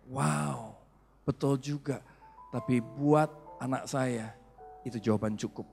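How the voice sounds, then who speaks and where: A male pastor preaching a sermon, telling stories and calling for amens from the congregation. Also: mid-range voice. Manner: animated storytelling with congregation call-and-response.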